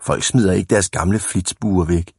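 A man's voice: low-pitched, steady tone, gravelly, darkish tone, breathy edge, no echo, clean studio sound, heavily acted. A man reading a storybook aloud who voices a mischievous young boy in a raised, eager tone.

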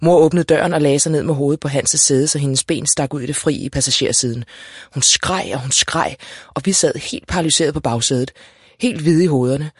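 A man narrating a first-person storybook in a lively, wry way. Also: fairly high pitch, slightly rough, no room sound, clean studio sound. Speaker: audiobook narrator.

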